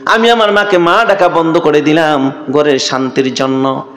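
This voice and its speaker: A man voicing a grief-stricken grown son who tearfully confesses a terrible wrong, his voice pitched high as he pleads. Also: steady tone, moderate pace, fairly bright tone. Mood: pleading. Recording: echoey sermon sound.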